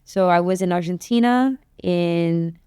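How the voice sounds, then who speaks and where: Chatty woman with a smooth, clear voice. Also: on the low side, a little slow, no echo, studio quality. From Malaysia. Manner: chatty, animated storyteller, acts out quoted exchanges. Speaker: guest, youth entrepreneurship advocate. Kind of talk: casual panel chat.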